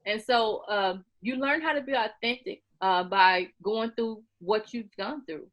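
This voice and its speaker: A woman's voice: mid-range voice, unhurried, dull audio. A woman in her late forties, talking earnestly and a bit preachily as an interview guest, repeating herself as she makes her points. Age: 40s. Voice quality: loud by nature. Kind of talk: casual interview talk.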